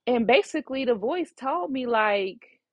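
A woman's voice: sits high, lively intonation, a little slow, no echo. A woman who works as a psychic medium tells a personal story casually and with animation, often saying "you know". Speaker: psychic medium and podcast host.

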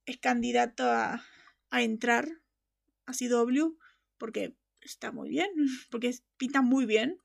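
Passionate woman podcast host, high voice with a gravelly edge, emphatic and quick to laugh. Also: fairly even intonation. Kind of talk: casual fan-show chat.

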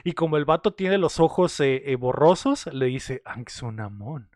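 A man's voice: fairly high pitch, normal speed, a little mellow, dry recording, studio quality. A young man with a Mexican accent, casually retelling a film's scenes with slang and quoted lines. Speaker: podcast co-host. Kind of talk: casual movie recap chat.

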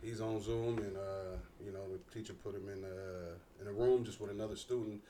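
A man's voice: fairly low pitch, a little fast, a little hiss or hum. A man telling a story in loose, profane casual chat with friends, acting out the voices of the people he quotes. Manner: animated storyteller, acts out quoted voices, laughs often. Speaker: podcast co-host.

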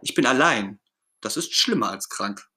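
A man voicing a shy, sad little lost cloud lamb in a storybook reading, speaking softly and timidly. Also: medium pitch, animated, moderate pace. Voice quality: soft, fine, timid voice.

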